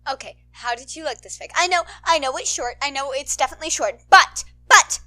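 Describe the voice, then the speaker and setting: A young woman who hosts a channel and reads podfic chats casually to her listeners in a playful, bubbly, rambling way. Her voice is high and sharp, and she talks fairly quickly.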